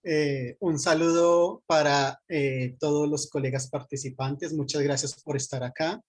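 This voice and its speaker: A man with a slightly husky, somewhat higher voice formally opens a conference session over a video call. His courteous welcome sounds measured and ceremonial. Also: darkish tone. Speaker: session moderator.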